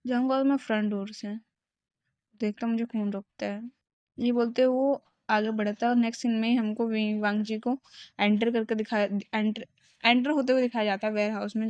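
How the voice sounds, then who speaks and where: A woman's voice: on the high side, darkish tone, no room sound. Woman retelling a story, dull lo-fi sound. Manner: acts out characters' lines in her own voice, with restarts. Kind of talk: casual retelling of a fan story. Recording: dry, dull lo-fi recording.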